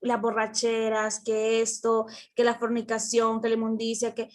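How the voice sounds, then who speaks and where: A woman's voice: on the high side, monotone, normal speed. A woman, talking in a rambling, casual way over a video call, full of fillers and restarts. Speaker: Bible study group member. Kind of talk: casual group discussion.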